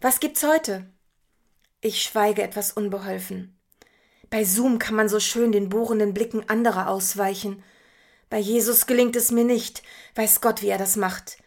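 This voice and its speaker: A woman's voice: medium pitch, fairly even intonation, normal speed, darkish tone. A woman in her fifties narrating a devotional story in an earnest, reflective, conversational way. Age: 50s.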